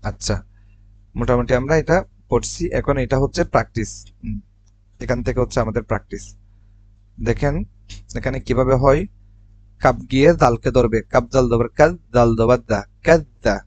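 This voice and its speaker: A man teaching Quran reading, spelling out letters and vowel marks one by one and then blending the syllables slowly. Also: mid-range voice, darkish tone, slight background noise. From Bangladesh. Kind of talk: step-by-step recitation lesson.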